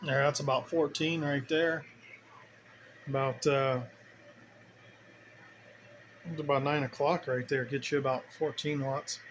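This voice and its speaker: A man casually showing his radio setup, talking in a relaxed, rambling way as he thinks aloud. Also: mid-range voice, a little slow, long pauses, slight background noise. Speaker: CB radio hobbyist vlogger. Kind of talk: casual hands-on demo.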